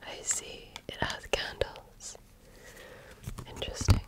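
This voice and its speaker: Playing an examiner, an ASMR performer whispers in a breathy, unhurried, gentle way, patient and deliberate. The roleplay centers on soft-spoken personal attention.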